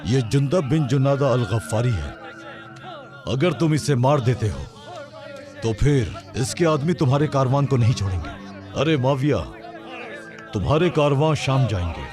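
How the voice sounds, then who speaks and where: A man dubbing a shrewd, commanding elder who speaks in a forceful, warning tone. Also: mid-range voice, expressive, normal speed, long pauses, music in the background, close to an everyday voice. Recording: film score and crowd behind.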